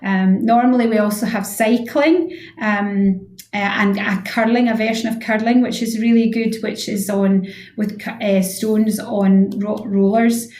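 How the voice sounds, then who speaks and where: In a radio interview, a head of physiotherapy chats informally as an expert guest, explaining things and readily agreeing with the host. She speaks unhurriedly in a slightly mellow, mid-range voice with fairly even intonation, and the room sound is echoey.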